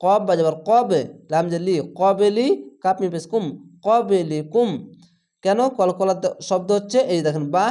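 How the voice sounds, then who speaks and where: High-voiced man teaching Quran reading. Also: mellow. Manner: slow drawn-out recitation alternating with instructive explanation. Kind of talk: step-by-step recitation lesson.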